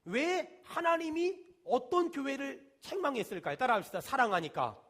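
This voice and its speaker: A man, a senior pastor, preaching a sermon with emphatic call-and-response and shouted peaks. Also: very high-pitched, big pitch swings, moderate pace.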